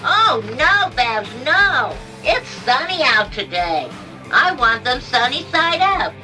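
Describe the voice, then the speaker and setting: An actress playing an eccentric old woman obsessed with eggs, who talks in a loud, whiny, sing-song way. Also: high-pitched, big pitch swings, slow, soft background music, heavily acted, rough recording. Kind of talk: cult film acting.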